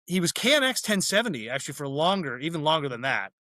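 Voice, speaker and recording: A man's voice: fairly high pitch, sing-song, pushed and bright, dry recording. A man, a brewery head brewer and former radio DJ, chatting casually in an interview, rambling and correcting himself as he goes. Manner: rambling, self-correcting, quick laughs.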